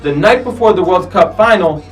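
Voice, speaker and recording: A man's voice: high voice, moderate pace, far from the mic, faint music behind, low-quality recording. A man hosting a soccer countdown show, commenting casually and animatedly on footage, swearing freely. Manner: animated, profane, acts out players' lines.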